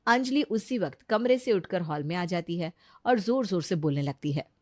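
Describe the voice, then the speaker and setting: A woman giving scripted, expressive narration for a children's cartoon story. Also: fairly low pitch, normal speed, dry recording, studio quality.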